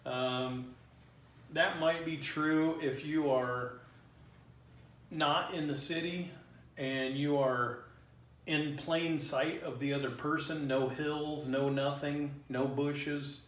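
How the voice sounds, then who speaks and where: Speaking slowly, this man has a slightly high, fairly bright voice with fairly even intonation. He's a hobbyist showing how to build a DIY headset, keeping it informal, plain-spoken, colloquial and unscripted. It was recorded in a roomy garage on a distant mic, with echo and faint background noise.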